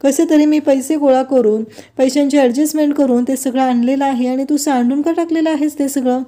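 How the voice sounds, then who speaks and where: A woman's voice: high voice, fairly even intonation, brisk, natural voice. Woman acting out a scolding young woman. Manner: sharp, scolding questions.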